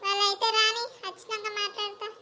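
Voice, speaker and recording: A woman with a Telangana accent playing a scheming village mother-in-law who complains loudly. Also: extremely high pitch, level tone, a little fast, a little hiss or hum, exaggerated voice. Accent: Telangana Telugu. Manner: loud, scolding and complaining. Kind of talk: village comedy skit acting.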